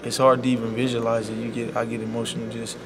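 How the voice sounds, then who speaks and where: A young man, a college basketball player speaking softly and sincerely in a media scrum, leaning on "you know.". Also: medium pitch, monotone, fast talker. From Bahamas. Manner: soft-spoken and heartfelt, full of "you know". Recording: loud background noise.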